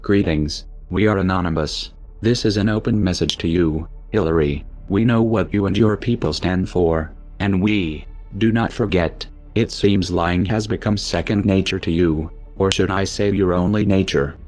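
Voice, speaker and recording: A man speaking through a disguised deep voice, reading a cold, measured, menacing scripted statement. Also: a little mellow, faint music behind.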